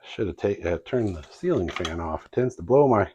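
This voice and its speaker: A man's voice: deep voice, lively intonation, moderate pace, dark tone, highs cut off, slight background noise. A man with a Midwestern accent casually showing how he cooks in his home kitchen, talking in a folksy, hesitant way with lots of fillers. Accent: Midwestern American. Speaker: cooking channel host. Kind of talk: casual cooking demonstration.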